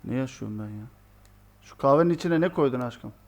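A young man commentating his own football video game match live, excitable and exasperated, shouting at his players. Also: mid-range voice, fairly quick, creaky.

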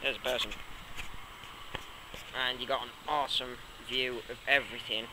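A man's voice: mid-range voice, steady tone, normal speed. A young man chatting casually to a handheld camera on holiday, like a vlogger updating his viewers. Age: teenager to young adult. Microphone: handheld camera at arm's length. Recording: noisy handheld camera audio with heavy background noise.

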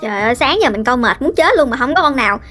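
A woman's voice: a little high, lively intonation, very fast, a bit bright, faint music behind. A woman voicing a scheming, bratty younger sister in a game-made fairy tale, pouty and sly.

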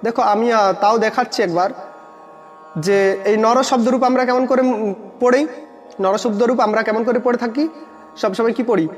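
High-pitched male teacher, patient, asks his own questions and answers them. Long reverb and soft music behind him. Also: steady tone, a little fast, long pauses. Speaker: Sanskrit teacher. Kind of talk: online grammar lesson.

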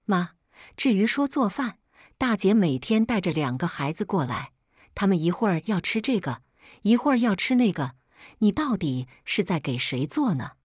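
Woman reading as a young mom, sarcastic and cutting, bit husky, lively pitch. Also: normal speed, no echo, studio quality. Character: young mother, cold and sharp-tongued.

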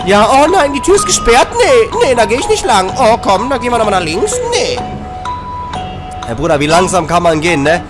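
Speaking briskly in a high, sing-song voice, a twenty-something let's play gamer curses and vents in street slang over his gameplay. Game audio runs underneath, and he sits in a small home room with a big headset mic right by his mouth.

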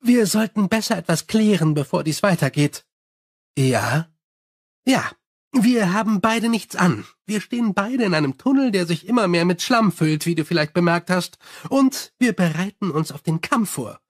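A sly young vampire woman, as a male audiobook reader puts her on chatters in a raised, playful voice with a husky grain. She mocks and teases in a storybook manner. The sound is close and dry. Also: high voice, lively intonation, normal speed, dry recording, voice pushed up. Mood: coaxing. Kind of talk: audiobook character voice.

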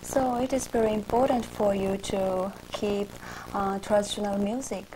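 A woman interviewer asking questions in simple, halting phrasing, adding frequent short acknowledgements. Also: mid-range voice, steady tone, noisy background. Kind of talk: interview questions in a second language. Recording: music playing underneath.

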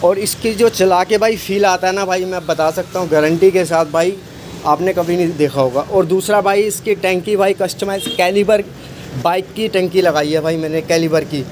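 A man with a high-sitting voice talks at a moderate pace, showing off his work on camera at his outdoor bike repair shop. He's a bike mechanic and channel host, boastful and chatty, calling everyone "bro" and saying "bhai" constantly in a casual walkaround video. It's filmed on a phone camera with him off screen, and street noise and traffic fill the background.

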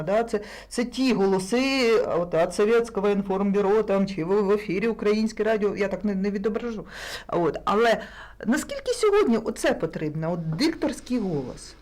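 A woman's voice: medium pitch, a little mellow. A woman with a Ukrainian accent hosting a morning studio show, asking long rambling questions with fillers. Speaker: radio morning show host. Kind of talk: casual studio interview.

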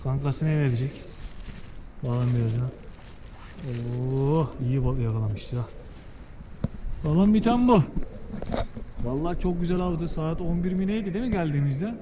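A young man vlogging while fishing outdoors beside a stream, loudly exclaiming at each catch. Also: on the high side, lively intonation, moderate pace, long pauses, noisy background. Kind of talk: casual outdoor vlog chat.

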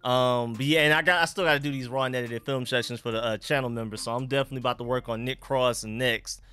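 A young man greets viewers on a casual sports livestream at a quick pace, his medium-pitched voice steady, bright, forceful and smooth. He leans on slang and repeats greetings and catchphrases, while a dental retainer slightly impedes his speech.

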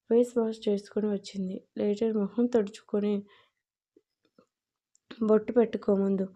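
Dark-voiced woman narrating a love story. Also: medium pitch.

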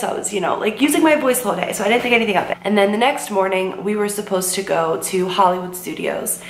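A woman in her twenties with a medium-pitched, fairly bright voice is vlogging a casual storytime while sick, her voice worn and her throat sore. She chats to a camera at desk distance in her bedroom, which has bookshelves, filling the story with "like" and "um" and quoting herself. The room sounds roomy, with a faint hum.

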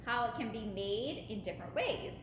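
Young woman, cheerful cooking host, slightly high, echoey kitchen, room noise. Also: normal speed. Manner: cheerful, encouraging, speaks to camera and to children. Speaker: mom hosting a kids cooking video. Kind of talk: casual instructional chat. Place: home kitchen, indoors. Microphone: camera mic at a distance.

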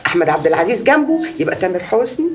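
A woman's voice: on the low side, sing-song, racing. An actress with an Egyptian accent playing a boastful, gossiping woman who has married many times. She tells her story in a chatty, exaggerating way. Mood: boasting. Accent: Egyptian Arabic.

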